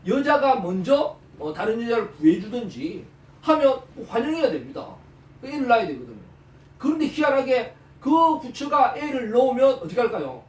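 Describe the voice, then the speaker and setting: A male pastor preaches with animation, prodding the listeners with questions. His voice sits very high and swings widely. The sound is roomy and distant from the mic. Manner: animated, peppers talk with rhetorical questions and "eh?" prompts. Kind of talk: sermon.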